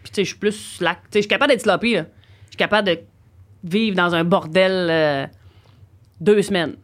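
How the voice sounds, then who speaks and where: Lively woman with a Gaspésie accent. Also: on the low side, fairly quick. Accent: Gaspésie Quebec French. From Gaspésie, Quebec. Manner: lively storyteller, slangy, laughs often. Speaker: comedian guest. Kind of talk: casual podcast chat.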